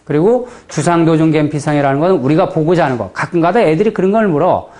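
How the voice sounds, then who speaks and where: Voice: medium pitch, expressive, fast talker, a little mellow. A teacher from the Chungcheong region with a Chungcheong Korean accent, giving a classroom lecture on fortune-telling in a blunt, folksy way and checking in often with rhetorical questions.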